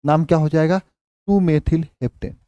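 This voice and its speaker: A man teaching a chemistry class in Hindi. He counts aloud slowly, asks questions and repeats the answers, and his voice rises higher and louder when he stresses a point. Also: steady tone, no echo, dull audio. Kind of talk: live online class teaching.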